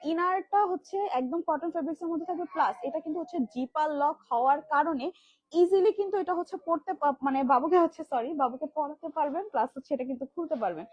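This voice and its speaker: A woman from Bangladesh hosts a live online sale of kids' dresses, her voice high and her talk racing along in filler-heavy patter. The sound is close and dry, with a dull, lo-fi livestream quality. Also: no echo. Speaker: live sales host. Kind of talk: live product demo selling kids' dresses.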